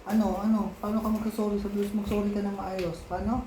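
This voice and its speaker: A father in a casual home video, patiently coaxing and gently scolding his young child, repeating his questions over and over. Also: high voice, level tone, fast, reverberant, noisy background. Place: home, indoors.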